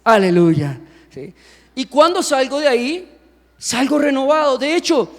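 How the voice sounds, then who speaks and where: High-pitched preaching pastor, man. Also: moderate pace. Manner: preaching with rhetorical questions to the congregation; animated, with sudden loud exclamations. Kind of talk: sermon. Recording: long hall reverb.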